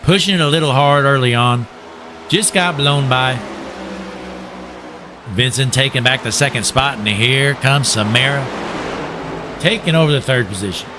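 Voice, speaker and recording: A man's voice: mid-range voice, normal speed, pauses often, background noise. A young man giving folksy play-by-play commentary on a sim race, joking and calling to "folks", while losing his voice.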